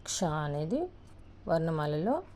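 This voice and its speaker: A woman with a Telugu accent teaching the alphabet, slowly repeating each letter one at a time. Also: deep voice, very animated, darkish tone. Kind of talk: alphabet lesson, writing on a board.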